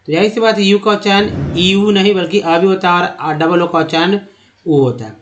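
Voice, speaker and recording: A man teaching a lesson over slides, asking his own questions and answering them, and repeating words slowly to show how they sound. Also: high-pitched, slight background noise.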